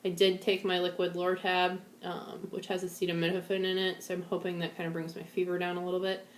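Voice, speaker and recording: Female vlogger, slightly low voice, weak and shaky post-surgery, informal delivery, roomy home recording. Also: completely flat delivery, brisk, a little hiss or hum. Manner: weak and a bit out of it after surgery. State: shaky, feverish, recovering from surgery. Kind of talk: casual personal video diary. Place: indoors at home. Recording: echoey room.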